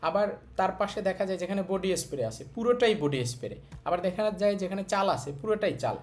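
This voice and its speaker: A Bangladeshi man with a Bengali accent teaching Japanese vocabulary, repeating each word slowly and drawing out its vowels. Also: high-pitched, lively intonation. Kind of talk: vocabulary lesson.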